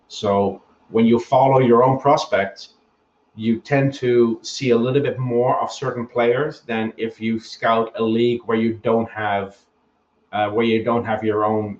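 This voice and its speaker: A man's voice: fairly low pitch, slight background noise. Man on an echoey, muffled line. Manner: hesitant, many ums and restarts. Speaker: guest analyst. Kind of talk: casual hockey podcast chat. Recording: echoey, dull lo-fi remote audio.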